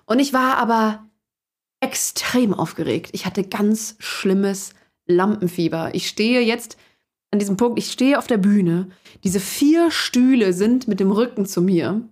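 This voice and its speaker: Young woman, interview guest: casual, animated, laughing storyteller. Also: mid-range voice, a little slow. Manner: chatty and lively, many fillers, laughs while telling. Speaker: guest, singer.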